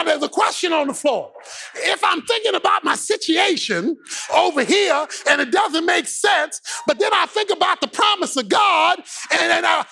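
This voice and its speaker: A man preaching a sermon with an impassioned, sing-song shouted cadence. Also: very high-pitched, creaky.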